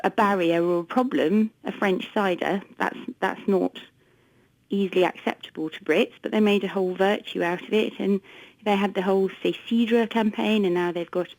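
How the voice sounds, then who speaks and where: A woman with an English accent talking as a research director on a radio interview, brisk, wry and explanatory. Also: medium pitch, steady tone, darkish tone, dry recording, low-quality recording. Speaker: consumer research director, studio guest. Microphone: studio microphone.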